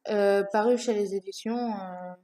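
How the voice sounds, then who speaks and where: Recorded in a room at home, a young woman talks about her books to camera in an unhurried, fairly even voice that's medium-pitched and dark in tone. Her speech is casual and scattered with fillers and self-corrections.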